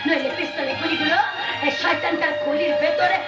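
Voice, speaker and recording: A woman playing a vengeful, anguished young heroine in folk theatre melodrama, declaiming in a hammy stage manner with drawn-out cries. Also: sits high, fairly even intonation, dull audio, lightly acted. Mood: fierce, defiant. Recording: echoey, distant stage PA, loud music, crowd.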